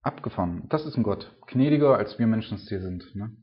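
Low-voiced preacher, dull lo-fi sound. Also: male voice, animated, fairly quick. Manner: casual, filler-heavy, with frequent "ne" and "so". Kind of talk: informal sermon.

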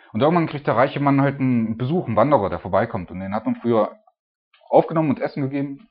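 A man retelling a Bible story in a casual, conversational way. He often ends his points with a questioning "ne?" and often lets his voice drop quiet. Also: mid-range voice, breathy edge, lo-fi sound.

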